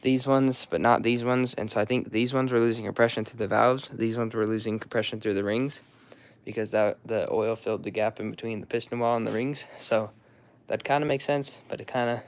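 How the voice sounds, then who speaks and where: A young man casually showing his cars in a rambling, offhand way, with a scratchy, hoarse voice. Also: mid-range voice, steady tone, a little fast. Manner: rambling, loose and offhand, trails off mid-sentence. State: hoarse, throat-clearing, coughing. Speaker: car hobbyist showing his garage. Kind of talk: casual walkaround vlog.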